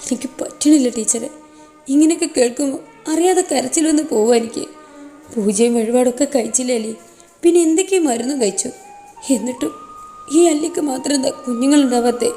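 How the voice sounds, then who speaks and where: A woman voicing a young married teacher who longs for a child, speaking gently and tearfully. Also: high voice, lively intonation, fairly quick, faint music behind. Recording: long reverb.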